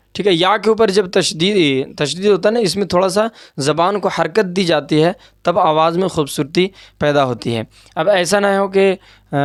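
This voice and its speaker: Guy teaching grammar on a board, kinda high voice, dry close sound, keeps repeating stuff and checking you got it. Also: no echo. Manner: patient, repeats points, checks understanding with asides. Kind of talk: board lesson explaining grammar.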